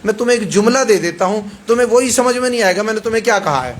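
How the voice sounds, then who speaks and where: A man's voice: high-pitched, expressive, slight background noise. A male preacher with a Pakistani Urdu accent gives a hadith sermon in an emphatic way, repeating phrases and checking that the audience agrees.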